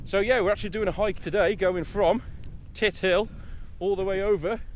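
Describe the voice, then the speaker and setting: A man's voice: high-pitched, fairly even intonation, normal speed. A man, chatting jokily while vlogging a hike outdoors on windy hills into a handheld camera. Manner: chatty, joking, loose with fillers. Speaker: hiking vlogger. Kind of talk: casual vlog narration.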